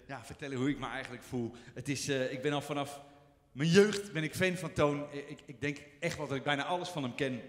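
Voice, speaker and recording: A man's voice: on the high side, a bit bright. Effusive man giving an acceptance speech. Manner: effusive, rambling with fillers and restarts. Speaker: award winner. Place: large theater stage. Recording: echoey theater hall with audience.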